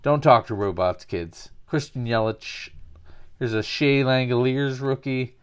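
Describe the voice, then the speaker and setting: With a smooth, unhurried mid-range voice, a man hosts a laid-back card-opening show. He jokes and rambles as he names each card, bantering back and forth with his viewers.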